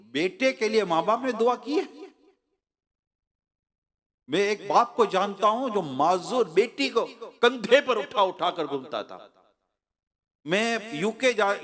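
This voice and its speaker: High-voiced man preaching an emotional sermon. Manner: impassioned, acts out voices of parents and children; drops to a hushed voice when telling a personal story.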